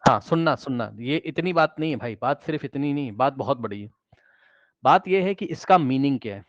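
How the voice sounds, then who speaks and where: A man's voice: medium pitch, expressive, brisk, no echo, dull audio. A man teaching a math class, questioning students directly and repeating key phrases, mixing English math terms into his explanation.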